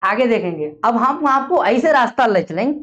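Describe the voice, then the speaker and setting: Fairly high woman teacher drilling class. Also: lively intonation, moderate pace, a bit bright. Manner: drills the class with repeated questions; explains step by step, checks understanding often. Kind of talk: classroom lecture. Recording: dull lo-fi classroom recording.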